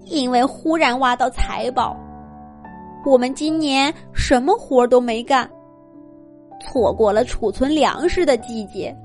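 A woman's voice: high-pitched, measured pace, soft background music. A woman doing a sorrowful mother mouse. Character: grieving, worn-out mother mouse.

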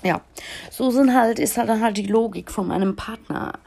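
A woman's voice: a little high, normal speed, gravelly, warm tone. A woman in her thirties hosting a podcast, delivering a blunt, crude, comedic rant in an exasperated tone. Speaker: podcast host.

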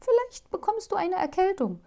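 A woman's voice: extremely high pitch, very animated, moderate pace, creaky, mellow, pitched above the performer's own voice, exaggerated voice. A woman voicing a fussy, caring middle-aged wife in a storybook, talking in a soothing, fussing way.

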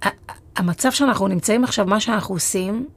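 A woman's voice: medium pitch, husky. Earnest middle-aged woman podcast host. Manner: earnest, storytelling with frequent hesitations. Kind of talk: casual podcast conversation.

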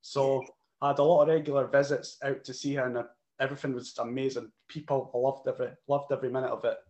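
A man's voice: mid-range voice, little pitch movement, quick pace, a little mellow. A young man, chatting earnestly about himself. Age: young adult. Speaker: apprentice in conversation with a guest. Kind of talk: earnest personal chat.

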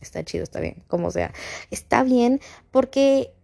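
A young Mexican woman hosting a podcast, talking casually and acting out quoted voices with big jumps in pitch. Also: expressive, normal speed, vocal fry, warm tone. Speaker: podcast host. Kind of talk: casual monologue.

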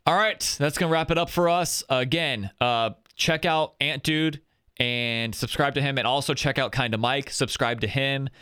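A young man hosting a casual gaming podcast, chatting and running through plugs and shout-outs. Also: medium pitch, normal speed, clear, resonant tone, no room sound, clean studio sound. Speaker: podcast host.

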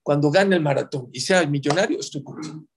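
A man's voice: fairly high pitch, brisk, a little hiss or hum, close to an everyday voice. A preacher voicing an impatient marathon-obsessed man. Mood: dismissive. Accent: Mexican Spanish. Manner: dismissive, impatient. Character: obsessed male marathon runner, brushing everyone off.

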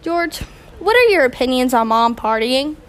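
Teen girl podcast host, high voice, chatty and dramatic. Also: very animated, normal speed. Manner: chatty, dramatic, laughs easily. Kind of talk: casual family interview.

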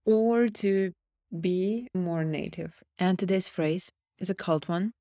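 Russian-accented woman, low-pitched, closely recorded. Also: slow pace, dark tone, dry recording, clean studio sound. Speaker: podcast host and language teacher. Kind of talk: short educational podcast lesson, explaining phrases.

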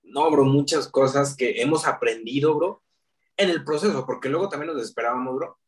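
A young man with a Mexican Spanish accent, a podcast guest telling stories in a slangy, animated way. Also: mid-range voice, brisk, recorded from a distance. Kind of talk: casual interview chat.

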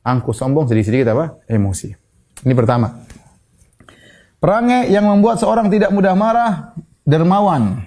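A man giving an Islamic sermon in speech, teaching in a lively way, acting out quoted people and reciting Quran verses. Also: a little high, normal speed, pauses often. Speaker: Islamic preacher.

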